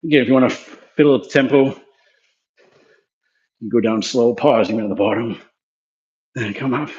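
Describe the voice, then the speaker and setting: A man's voice: medium pitch, normal speed, darkish tone, lo-fi sound. A man casually talking through his gym workout between sets, winded from exercising. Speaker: physiotherapy clinic presenter demonstrating a workout. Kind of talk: casual workout demonstration vlog.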